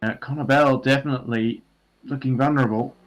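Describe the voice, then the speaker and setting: A man's voice: medium pitch, steady tone, brisk. Analytical male sim racing commentator. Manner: analytical, talks through gaps and strategy with frequent fillers. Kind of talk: live race commentary.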